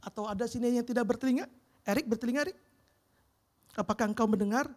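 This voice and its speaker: A middle-aged man preaching a sermon in a church and telling his own testimony in a lively storytelling way, often calling the audience "Bro". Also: extremely high pitch, fast. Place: church sanctuary.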